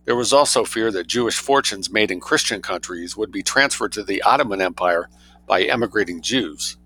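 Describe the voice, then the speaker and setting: A man with a fairly low, bright and forceful voice reads scholarly writing aloud. He delivers it like dictation, voicing the citations and punctuation of quotations along with the text. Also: normal speed, low-quality recording. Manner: dictating, speaks quote marks, citations and spellings aloud. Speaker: narrator reading a scholarly book aloud.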